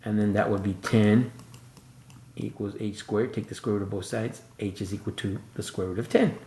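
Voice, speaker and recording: Man, math tutorial, relaxed step-by-step talk, self-correcting, roomy echo. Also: on the low side, moderate pace. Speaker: math teacher. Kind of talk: screen-recorded math tutorial.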